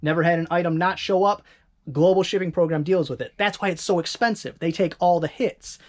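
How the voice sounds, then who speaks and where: A Northern Michigan eBay reseller talks in a mid-range voice on their vlog, accent clearly from the area. It's a casual, rambling chat where they often correct themselves with brief asides.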